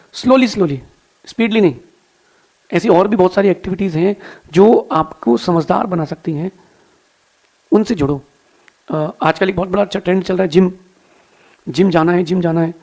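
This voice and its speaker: Indian guy giving a folksy moral talk, high voice, kinda gravelly. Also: darkish tone. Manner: folksy, preachy, addresses listeners directly. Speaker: spiritual speaker.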